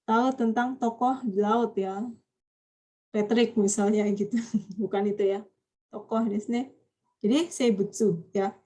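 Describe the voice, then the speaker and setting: A woman's voice: on the high side, darkish tone. A woman teaching a Japanese vocabulary class online, chatty and quizzing her students. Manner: chatty, quizzing students, frequent light laughs.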